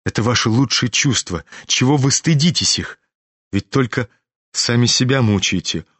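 A man reading an audiobook, voicing a meek, earnest young prince in a soft, hushed manner. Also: mid-range voice, normal speed, husky, no room sound. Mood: pleading. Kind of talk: audiobook character voice.

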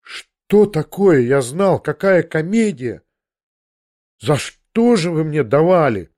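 A man's voice: on the high side, slow. A man voicing a proud young man in an audiobook, talking in a breathless, agitated, trembling way. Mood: outraged. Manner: excited, breathless and pleading. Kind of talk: audiobook character reading.

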